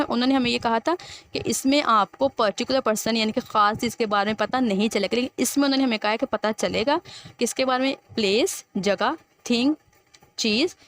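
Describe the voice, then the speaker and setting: A woman teacher explaining English grammar in a patient, repetitive way. She reads English text slowly and then explains it, often asking the listener questions. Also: on the high side.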